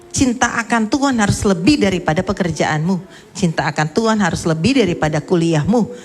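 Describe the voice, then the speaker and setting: Animated woman preaching a sermon. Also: fairly high pitch. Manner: storytelling, acts out quoted voices, rising emphatic questions. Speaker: pastor.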